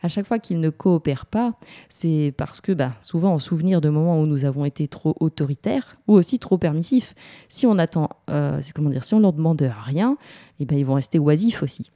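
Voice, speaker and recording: Low, dark-voiced woman giving parenting advice. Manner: relaxed, hesitant, many pauses and fillers. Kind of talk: casual advice talk.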